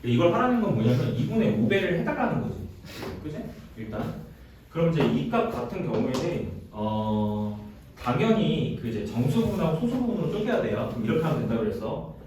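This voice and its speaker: A man's voice: medium pitch, very animated, fairly quick, darkish tone. A man teaching a math class in a classroom, explaining step by step and checking in with students through short questions. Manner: checks in constantly with short questions, mixes casual and polite speech. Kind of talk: classroom lecture. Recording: roomy, distant classroom recording with faint noise.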